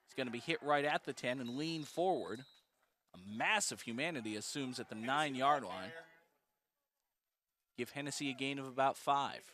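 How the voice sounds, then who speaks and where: A man calling live college football play-by-play, brisk and precise about each down and yard line. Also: medium pitch, pushed and bright. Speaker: play-by-play announcer.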